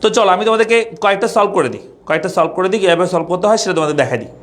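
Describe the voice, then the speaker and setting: A man's voice: sits high, expressive, very fast, a bit bright. A young man from Bangladesh teaching an economics class online, repeating points and asking students questions. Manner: repetitive, asks students questions.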